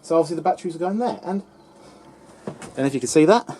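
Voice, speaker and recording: A man's voice: a little high, lively intonation, fast, darkish tone, slight background noise. A man giving casual, chatty commentary to the camera as he unboxes a games console at home, talking to the items as he handles them. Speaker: unboxing vlogger.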